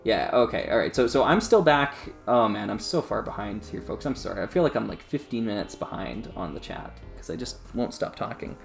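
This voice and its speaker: A man hosting a casual live stream, rambling to his viewers with plenty of restarts. His voice has a gravelly texture and a lively, roaming pitch. Soft guitar music plays faintly in the background. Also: fairly quick, hardly any pauses. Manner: rambling, talks to chat, many restarts and laughs. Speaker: YouTube creator live streaming.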